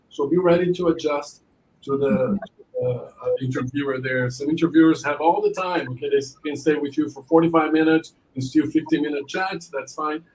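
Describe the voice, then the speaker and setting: A man's voice: a little high, a little mellow, slight background noise, low-quality recording. A male admissions consultant, a podcast guest, giving advice in a rambling way, with frequent restarts and "you know"s.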